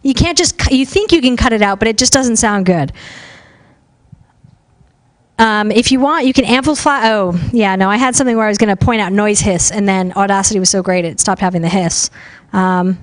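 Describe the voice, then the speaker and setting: A young woman giving a casual live talk at a conference, loud and talkative, with lots of fillers. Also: medium pitch, brisk. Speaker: conference speaker on podcasting. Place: conference room with a live audience.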